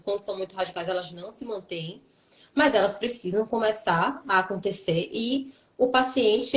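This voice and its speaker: A woman psychologist from Salvador with a Bahian accent, talking earnestly and reflectively in a live stream conversation. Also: medium pitch. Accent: Bahian Brazilian Portuguese. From Salvador, Bahia, Brazil. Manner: earnest, reflective, speaks in long runs with restarts. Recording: roomy echo.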